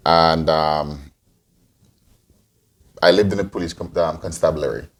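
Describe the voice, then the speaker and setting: A man's voice: a bass voice, fairly even intonation, measured pace. A man in his forties, from Guyana and raised in Antigua, answering interview questions as a podcast co-host, rambling with many restarts. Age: 40s.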